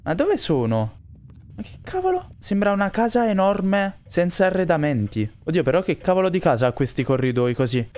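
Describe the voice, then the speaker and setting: A man's voice: high voice, very animated, moderate pace, a little mellow, slight background noise. A young man commentating a horror game he is playing, jumpy and swearing, talking to his viewers. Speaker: gaming YouTuber.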